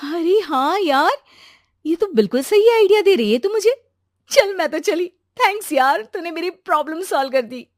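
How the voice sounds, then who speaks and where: A woman's voice: high-pitched, big pitch swings, measured pace, no echo, clean studio sound, pitched above the performer's own voice. A woman voicing a carefree young college woman who chatters in a breezy, slangy way in a cartoon story.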